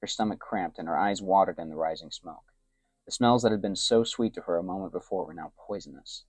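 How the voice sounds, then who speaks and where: Deep-voiced man narrating in a hush. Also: brisk, husky, no room sound. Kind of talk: soft-spoken story narration.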